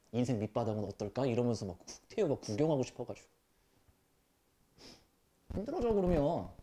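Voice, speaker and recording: Blunt, profane man lecturing students. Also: mid-range voice. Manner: animated, rhetorical questions. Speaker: math tutor. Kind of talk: classroom lecture.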